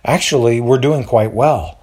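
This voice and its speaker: A man's voice: mid-range voice, a little slow, a little mellow, slightly rough. A man voicing a good-humored traveling apostle who reassures and jokes with his friends. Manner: reassuring, joking.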